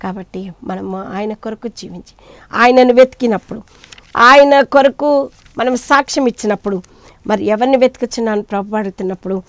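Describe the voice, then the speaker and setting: Woman giving a sermon, kinda high voice, dead dry sound, talks straight to the listeners like they're her dear kids. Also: moderate pace, no echo. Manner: rising to loud emphatic peaks, then dropping to soft appeals; addresses listeners directly as beloved children. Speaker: preacher.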